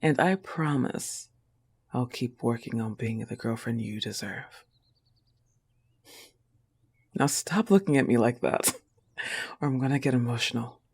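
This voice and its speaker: Brief: husky goth wolf-girl girlfriend, played by a man, protective and teasing, mid-range voice, audio role-play. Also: mid-range voice, animated, a little mellow. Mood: fond, teasing. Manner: teasing, fond, quick asides with laughs.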